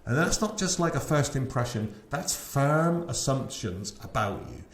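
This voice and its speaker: A middle-aged man with a West Country English accent runs a live sales-training webinar, chatty and enthusiastic, frequently putting questions to his audience. His mid-range voice is expressive and measured in pace, and the room sounds echoey.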